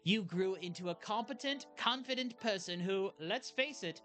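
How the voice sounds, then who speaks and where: A man's voice: high-pitched, normal speed, a bit bright, soft background music, pitched above the performer's own voice. A man reading out a proud old grandmother. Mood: tender. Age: older. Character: older woman, proud café owner and grandmother. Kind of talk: reading game dialogue aloud.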